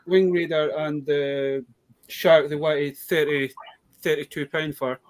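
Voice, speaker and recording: An adult man with a British accent, a toy collector appearing as a guest, chats casually on a live broadcast about toy bargains, rambling as he tells his stories. His voice is a little high, his intonation fairly even, and his pace slow.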